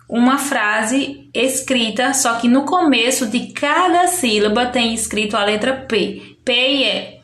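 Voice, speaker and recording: A woman's voice: a little high, fairly bright tone. A Brazilian woman teaching a primary school lesson, patiently explaining and spelling out syllables. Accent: Brazilian Portuguese. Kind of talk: slow explanatory classroom lesson. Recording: echoey room.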